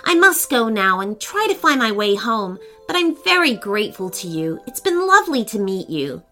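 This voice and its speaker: A woman voicing a kind, polite young girl in a storybook reading, lifting her voice higher for the child. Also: sing-song, normal speed, pushed and bright, faint music behind. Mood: warm, polite.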